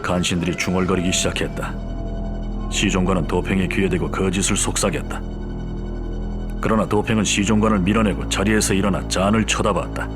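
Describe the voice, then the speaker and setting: A man with a low voice, lightly acted, serves as campaign narrator in a video game cutscene. Playing a weary, grave French soldier, he recounts his war diary in measured, solemn storytelling.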